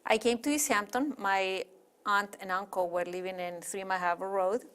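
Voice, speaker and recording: A woman's voice: mid-range voice, fairly even intonation, moderate pace, a bit bright, clean tone. A middle-aged woman from Chile with a Chilean Spanish accent, a Spanish native speaker, talking as an interview guest in a chatty, rambling way with many fillers.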